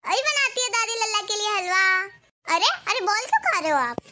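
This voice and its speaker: Woman doing a sad sweet cartoon granny, high bright voice, soft and pleading. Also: very animated, a little fast, exaggerated voice. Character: gentle widowed grandmother, sad and patient. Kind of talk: cartoon voice acting.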